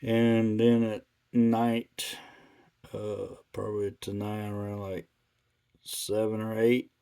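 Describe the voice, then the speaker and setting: A man talking casually and haltingly as a radio hobbyist, in a laid-back, folksy, rambling way. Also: lowish voice, monotone, dark tone, smooth. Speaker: radio hobbyist video maker.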